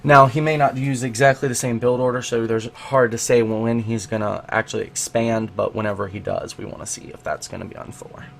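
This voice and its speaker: A man's voice: medium pitch, fairly quick, creaky, few pauses, slight background noise. Man casually commentating a game replay. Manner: thinks aloud, grows excited at findings. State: has the hiccups. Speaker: host analyzing a match replay.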